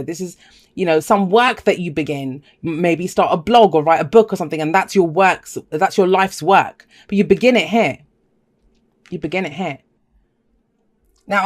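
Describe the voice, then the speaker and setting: Casting: upbeat tarot reader, talks straight to the viewer, chatty and emphatic, repeats words for stress. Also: medium pitch. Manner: enthusiastic, emphatic repetition, chatty asides. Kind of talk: casual spoken tarot reading to viewers.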